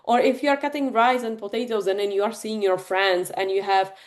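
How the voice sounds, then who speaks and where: A woman's voice: mid-range voice, steady tone, brisk. Chatty woman coaching online. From Czech Republic. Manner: chatty, addresses the audience directly with many fillers. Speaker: fitness and nutrition coach. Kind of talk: live online masterclass talk.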